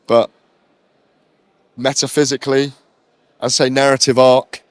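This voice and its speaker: A middle-aged man talks in an expansive, animated way at a red-carpet event and keeps circling back to repeat his points. His voice sits in a middle pitch, and it is recorded close and dry. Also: unhurried, clean tone, no room sound. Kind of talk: excited casual chat. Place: busy indoor event.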